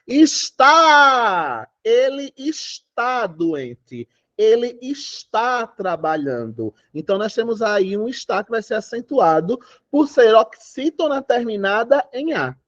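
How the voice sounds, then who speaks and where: A man's voice: sits high, no room sound. A Brazilian man teaching Portuguese in an online exam-prep class, emphatic and often checking that students follow. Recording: dull, lo-fi online class audio.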